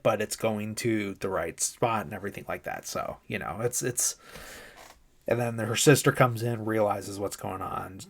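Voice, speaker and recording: A man hosting a podcast, casually recapping a film in a rambling way, full of filler words. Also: lowish voice. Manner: rambling, heavy use of fillers. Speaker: podcast host.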